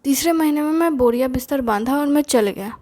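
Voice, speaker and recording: A woman's voice: sits high, fairly quick, warm tone. A woman telling a story in a casual first-person way, chatty and confiding with plenty of fillers.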